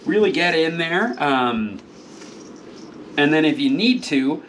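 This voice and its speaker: A man hosting a cooking demonstration, rambling through crude deadpan jokes and slurring a little from drinking. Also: fairly high pitch, takes it slowly, slight background noise. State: a little tipsy, slurring slightly. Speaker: cooking show host.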